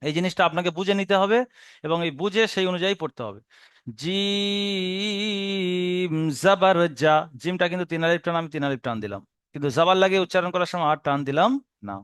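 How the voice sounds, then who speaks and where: Male teacher, Bengali accent, smooth higher voice, dry close mic; slow patient explaining, drawn-out recitation of letter sounds. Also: fairly bright tone, dry recording. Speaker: Quran reading teacher. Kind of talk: recorded lesson.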